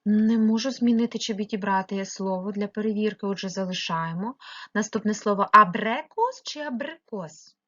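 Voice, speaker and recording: A woman teacher from Ukraine giving a remote primary-school lesson, slowly drawing out words to mark their stress. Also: mid-range voice, steady tone, a little mellow, muffled recording. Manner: slow, drawn-out stressing of words.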